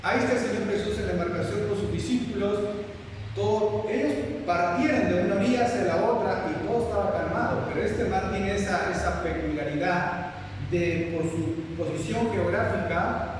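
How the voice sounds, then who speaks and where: A man's voice: high-pitched, normal speed. A male pastor preaching a sermon with emphasis, acting out quoted prayers in a rising voice. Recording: echoey hall, distant mic, noisy.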